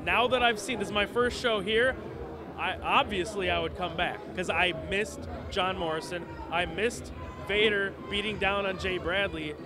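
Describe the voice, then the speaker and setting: A man's voice: sits high, steady tone, moderate pace. A man chatting casually as the interviewer for a wrestling show. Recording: outdoor urban crowd and traffic noise.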